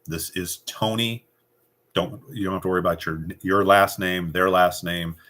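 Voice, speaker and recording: A man's voice: deep voice, level tone, fairly quick, pushed and bright. A middle-aged man giving casual sales training, acting out phone scripts with a confident, direct manner. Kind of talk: casual instructional talk.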